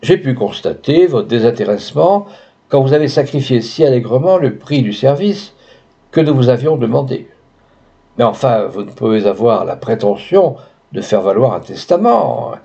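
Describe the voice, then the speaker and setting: Man reading a firm, indignant old doctor father, mellow low voice, dull lo-fi audiobook sound. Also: sing-song, normal speed, creaky. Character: grieving stern father, older doctor.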